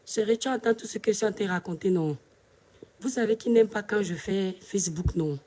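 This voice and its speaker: Woman vlogger, chatty and animated, mellow tone, roomy off-mic phone sound. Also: mid-range voice, a little fast, far from the mic. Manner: chatty and animated, addresses viewers as her stars; speaks softly at times so as not to disturb her husband. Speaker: social media vlogger. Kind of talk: casual live video chat with followers. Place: bedroom at home, indoors. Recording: roomy echo, voice a bit off-mic.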